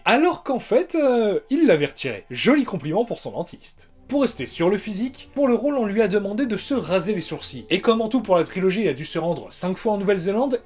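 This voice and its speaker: French guy narrating a film doc, pretty high voice, sarcastic little jokes, faint music behind. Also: darkish tone. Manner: wry, sarcastic asides. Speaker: YouTube film documentary narrator. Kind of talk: casual scripted narration.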